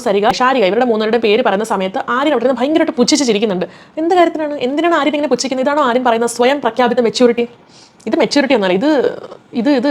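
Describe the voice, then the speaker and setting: A young woman giving an animated, opinionated casual commentary vlog, recapping reality show drama. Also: a little high.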